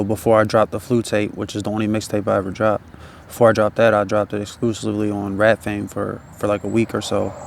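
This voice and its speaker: Lowish and gravelly, the voice belongs to an independent music artist chatting casually in a relaxed stoner drawl, rambling with slang, swearing, and tag phrases he repeats. There is a little hiss or hum.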